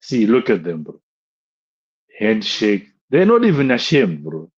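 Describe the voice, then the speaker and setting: A man's voice: fairly low pitch, wildly swooping pitch, unhurried, breathy edge, dull audio. A young man on a live stream, ranting about a football match, repeating himself in exasperation and tossing in "bro" constantly.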